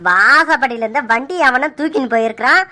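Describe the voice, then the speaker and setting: A woman's voice: high voice, fairly quick, sharp tone, no echo. A woman voicing a grumbling, scolding middle-aged village father.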